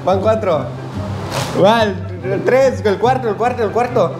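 A man's voice: high voice, measured pace. A young man, teasing his friends in casual banter as he hosts a challenge. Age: young adult. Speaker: challenge host and contestant. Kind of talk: casual banter, counting aloud. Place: indoor room with bare walls and stage gear. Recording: echoey room with music behind.

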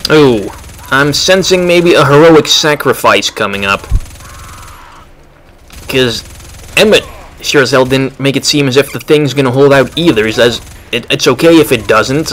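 A man's voice: mid-range voice, a bit bright. A man giving casual, wry commentary as he plays a video game. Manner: offhand, wry. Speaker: let's play commentator. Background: game music.

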